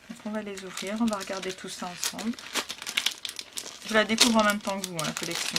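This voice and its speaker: Soft-spoken, hesitant woman unboxing craft supplies. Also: mid-range voice, heavy background noise. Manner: soft, hesitant, lots of fillers. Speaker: scrapbooking vlogger. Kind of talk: casual product haul. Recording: packaging crinkles and clicks behind.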